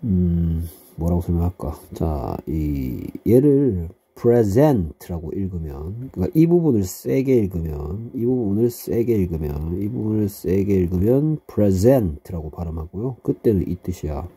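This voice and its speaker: Slow, deep-voiced male English teacher. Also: very animated, warm tone, slightly rough. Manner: explains patiently, repeats words with meanings. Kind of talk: vocabulary lesson.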